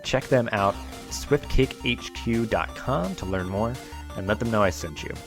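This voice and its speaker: A man's voice: on the low side, a little slow, music in the background. A man hosting a podcast, talking casually with lots of filler words as he introduces the episode and reads a sponsor message. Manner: relaxed, many fillers. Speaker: podcast host.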